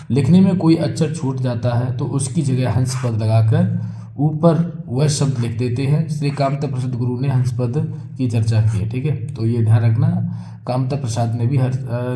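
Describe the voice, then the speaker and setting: Male teacher, very mellow and dark tone, patient step-by-step classroom explaining, roomy echoey recording. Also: mid-range voice. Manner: patient, explains step by step, often says "ठीक है" between points. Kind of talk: classroom grammar lesson.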